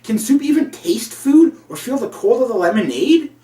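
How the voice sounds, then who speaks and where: A man's voice: extremely high pitch, sing-song, moderate pace, warm tone. Sarcastic man reviewing old comics. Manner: sarcastic, crude asides. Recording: roomy, from a distance.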